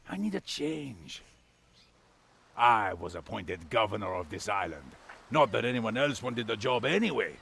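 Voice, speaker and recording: An actor playing a cocky new colonial governor in a theatrical, gravelly game monologue. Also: male voice, mid-range voice, a bit bright, full character voice. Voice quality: gravelly, husky. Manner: theatrical, self-assured. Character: cocky, weary newly appointed colonial island governor. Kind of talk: video game intro monologue.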